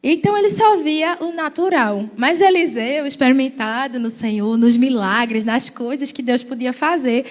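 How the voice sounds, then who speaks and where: A woman's voice: sits high, moderate pace, hardly any pauses. A young woman with a Brazilian accent preaching a church sermon in a conversational, playful storytelling way.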